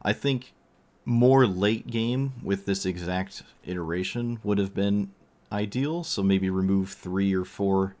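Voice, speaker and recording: A man's voice: low-pitched, slow pace, darkish tone. A man streaming a card game, thinking aloud in casual commentary while losing his voice.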